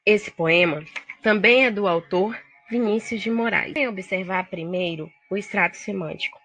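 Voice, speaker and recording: A woman's voice: medium pitch, normal speed, fairly bright tone, breathy edge, dry recording, soft background music. A woman teacher with a Brazilian Portuguese accent, explaining poetry step by step to her students in a recorded video lesson. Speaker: literature teacher.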